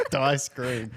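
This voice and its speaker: Laid-back, slow-talking man. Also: mid-range voice, slight background noise. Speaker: podcast co-host. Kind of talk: casual chat, word-puzzle game.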